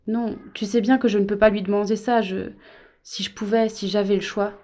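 A woman voicing a calm young father who speaks quietly and steadily, sometimes hesitating, in a story reading. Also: mid-range voice, normal speed, natural voice. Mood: resigned. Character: calm, resigned young father, softly spoken.

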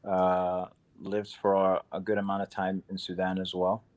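Deep-voiced laid-back New man. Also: completely flat delivery, moderate pace, a little mellow. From Queens, New York. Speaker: imam and teacher, podcast guest. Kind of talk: casual podcast chat.

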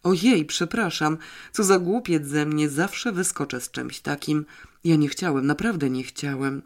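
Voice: medium pitch, a little slow, lightly acted. A reader voicing a flustered, talkative young man who rambles and apologizes. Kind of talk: audiobook character voice.

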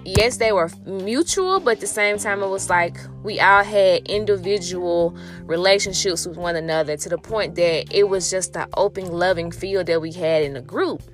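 A middle-aged woman tells a personal story casually, rambling and reflecting, full of "you know," restarts and fillers, before it takes a spiritual turn. Her voice is fairly low and moderately paced, with soft music behind it.

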